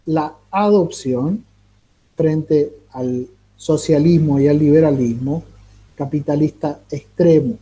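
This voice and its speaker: A man lecturing a class, halting and repeating words, often asking the listeners rhetorical questions. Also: fairly high pitch, mellow, slightly rough. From Argentina. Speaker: teacher.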